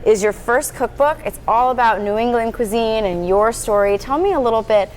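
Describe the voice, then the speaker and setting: A woman's voice: on the high side, moderate pace, darkish tone, slight background noise. A woman hosting a food show, interviewing a chef in a friendly, enthusiastic way. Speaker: host and interviewer. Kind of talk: conversational interview.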